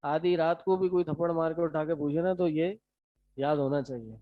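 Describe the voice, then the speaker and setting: A man with a Pakistani Urdu accent teaching a lesson, quizzing his students in a brisk, encouraging way. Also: a little high, fairly even intonation, dry recording. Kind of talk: classroom lecture. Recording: dry, slightly dull sound.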